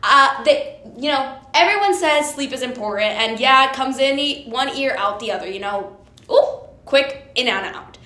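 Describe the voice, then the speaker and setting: A young woman from Honduras chats on a student podcast with a bright, fairly high voice. She is upbeat and teasing and laughs easily. The room adds a clear echo. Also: expressive, normal speed. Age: young adult. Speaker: podcast co-host, student community leader. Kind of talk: casual podcast chat. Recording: echoey room.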